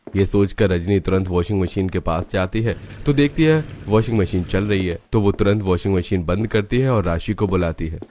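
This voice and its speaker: A man narrating an animated family story in a steady storytelling way. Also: sits low, moderate pace.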